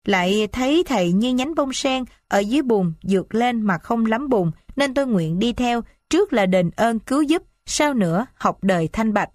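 A woman's voice: a little high, animated, normal speed, hardly any pauses, a little mellow, no room sound, studio quality, close to an everyday voice. A woman voicing a devoted young mother of noble birth in a read-aloud story, pleading and heartfelt. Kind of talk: audiobook character reading.

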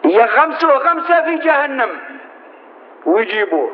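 A man's voice: extremely high pitch, very animated, moderate pace. A man preaching a sermon, telling stories and rising to emphatic exhortation. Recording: tinny lo-fi recording with faint hiss.

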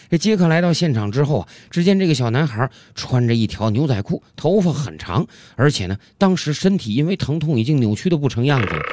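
A man's voice: medium pitch, a little mellow, no echo. A man narrating comic stories in a chatty storyteller style. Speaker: storyteller host.

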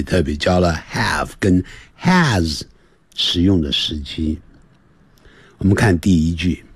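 A man teaching English on the radio, explaining grammar and drilling pronunciation with slow, repeated words in a playful, lively manner. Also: on the low side, breathy edge, dry recording.

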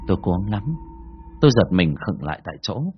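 A man telling a first-person ghost story in a colloquial, earthy, expressive way, in a dull lo-fi recording. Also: low voice, brisk, faint music behind.

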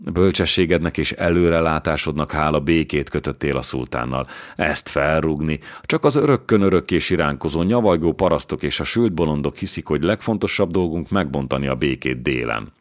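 A man voicing a smooth, refined male nobleman who speaks in a suave, condescending way. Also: extremely low pitch, expressive, few pauses.

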